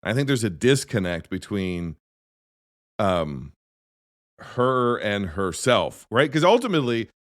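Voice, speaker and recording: Deep-voiced man rambling about movies. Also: measured pace, no echo, clean studio sound. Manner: rambling, self-interrupting, animated storytelling. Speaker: podcast host. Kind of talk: casual movie chat.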